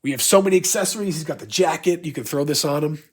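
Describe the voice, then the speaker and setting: Congested, husky man rambling enthusiastically. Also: a little high, fast talker. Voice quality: congested, stuffy-nosed. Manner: rambling, gushing fan enthusiasm. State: sick with a blocked nose. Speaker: YouTube toy collector and reviewer. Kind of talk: casual unboxing review.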